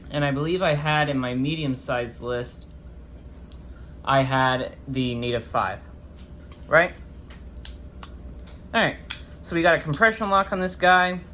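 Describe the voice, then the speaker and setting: A man's voice: fairly high pitch, unhurried, long pauses, bright, forceful tone, slight background noise. A man hosting a casual, chatty product review, his speech slightly impeded by a swollen face after having wisdom teeth out. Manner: informal, chatty. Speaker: host of a knife review channel.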